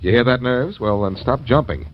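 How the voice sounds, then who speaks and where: An actor in an old radio drama playing a self-assured, wry amateur detective who talks smoothly and insistently. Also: male voice, mid-range voice, lively intonation, normal speed, close to an everyday voice. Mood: urgent, wry. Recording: dull, noisy old radio recording.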